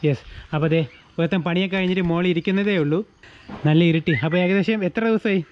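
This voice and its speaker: A man from Kerala chatting casually as he shows off his backyard aviary outdoors, talking to his birds and helpers while his throat is sore from talking loudly. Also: high voice, steady tone, fast, muffled recording. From Kerala, India. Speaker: aviary vlogger. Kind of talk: casual vlog narration. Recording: loud rain noise outdoors. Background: rain and birds.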